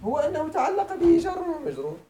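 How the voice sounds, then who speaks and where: A man's voice: extremely high pitch, huge pitch swings, quick pace, warm tone. A middle-aged man with a Moroccan accent, teaching a grammar class, explaining step by step, repeating phrases and often asking his students if they follow, moving between formal Arabic and dialect. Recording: echoey room.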